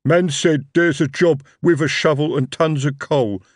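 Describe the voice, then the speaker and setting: A man voicing a huge, hopeful young male troll who speaks loudly and simply. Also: a little high, steady tone, a little slow, dry recording, studio quality, pitched above the performer's own voice, lightly acted.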